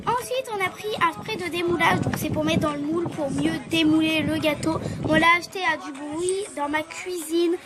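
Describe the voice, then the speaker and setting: A woman's voice: very high voice, moderate pace, hardly any pauses. A woman chatting casually through a cooking vlog, explaining each step as she goes. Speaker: vlogger.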